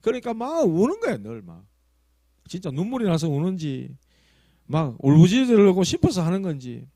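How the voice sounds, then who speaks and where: A male pastor with a Gyeongsang accent preaching a sermon, telling stories that swing from loud emphasis to hushed asides. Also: high voice, big pitch swings, normal speed, dry recording. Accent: Gyeongsang Korean. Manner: acts out quoted prayers and tongues.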